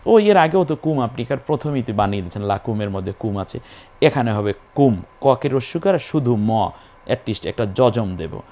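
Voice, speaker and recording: A man's voice: mid-range voice, expressive, moderate pace, dark tone. A man teaching Quran recitation, patiently spelling syllables and stretching the vowels as he chants them. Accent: Bangladeshi Bengali.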